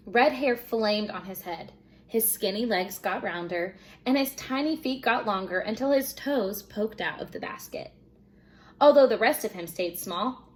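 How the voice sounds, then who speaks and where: A woman teacher reads a children's storybook aloud, narrating expressively in a voice that sits a little high.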